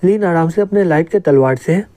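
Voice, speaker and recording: A man narrating a comic story with a steady, plain retelling. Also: a little high, fairly quick. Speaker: manga explainer narrator.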